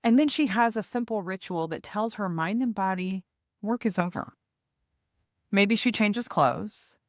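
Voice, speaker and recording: Woman in a gentle, deliberate reflective talk, dry sound. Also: medium pitch, no room sound. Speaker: podcast host and hospice nurse coach.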